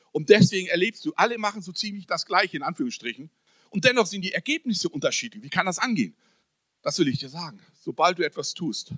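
A man preaching a sermon to a congregation, asking rhetorical questions and swinging between loud emphasis and soft, close-up speech. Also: sits high, no echo. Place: church service hall.

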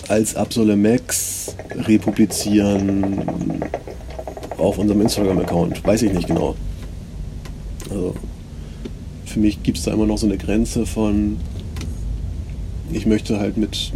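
Man on a low-quality recording, gravelly. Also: background noise. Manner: rambling, hesitant, many fillers. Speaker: podcast host. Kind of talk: casual reflective monologue.

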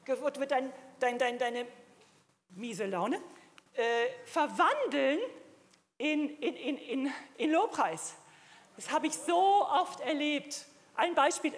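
A woman's voice: high-pitched, in a large hall. A middle-aged woman preaching a sermon to a congregation, emphatic and at times rising to fervent exclamations. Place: church hall.

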